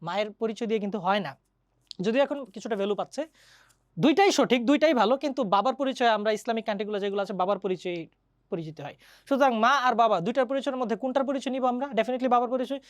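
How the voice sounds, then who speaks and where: A woman teaching an English grammar lesson, chatty and quick, often asking her students questions. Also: on the high side, no room sound, clean studio sound. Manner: mixes English grammar terms into Bengali. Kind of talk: online exam-prep lesson.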